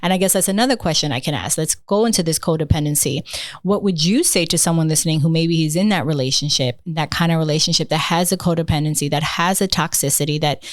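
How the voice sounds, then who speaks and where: Woman host, deep voice, dry close sound, supportive interviewer. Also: fast, no room sound. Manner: supportive, asks probing questions. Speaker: podcast host. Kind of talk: casual interview chat.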